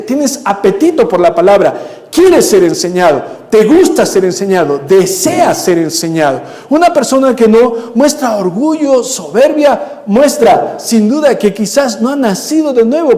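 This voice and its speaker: A man's voice: sits high, mellow. A man preaching a sermon as pastor, questioning the congregation and answering himself. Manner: acts out quoted listeners in a mocking voice. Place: church hall. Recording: long church reverb.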